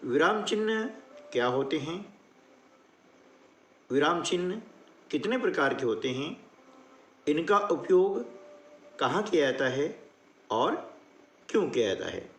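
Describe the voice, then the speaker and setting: A man's voice: sits high, fairly bright tone, echoey room. A man teaching a grammar lesson, explaining patiently, repeating points and checking in with the listener.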